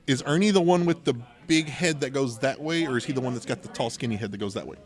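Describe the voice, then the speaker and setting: This podcast host speaks fast in a mid-range voice. His talk is a relaxed, informal stretch of anecdotal storytelling, and he performs the quoted lines of dialogue himself.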